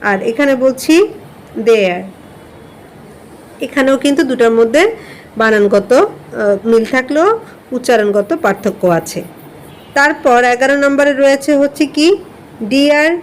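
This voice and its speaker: A woman's voice: high-pitched, a little hiss or hum. A woman from Bangladesh teaching an online English class, patiently spelling out words and explaining their pronunciation.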